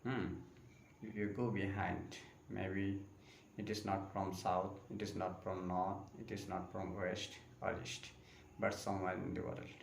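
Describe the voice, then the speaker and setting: A Buddhist monk giving a live-streamed Dharma talk in slow, repetitive. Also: male voice, low voice, little pitch movement, vocal fry. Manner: slow, repetitive phrasing in non-native English. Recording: echoey room with faint ambient noise.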